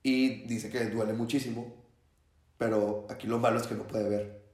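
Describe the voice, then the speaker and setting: A man's voice: fairly low pitch, normal speed, reverberant. A young man, a student, telling a story in casual chat and acting out the quotes. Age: young adult. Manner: animated storyteller, acts out shouts and quotes.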